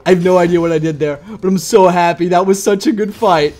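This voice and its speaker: A young man casually commentating his own game, excitable and whooping at big plays, chatting to his viewers as boys and dudes. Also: high-pitched, brisk. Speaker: gameplay commentator.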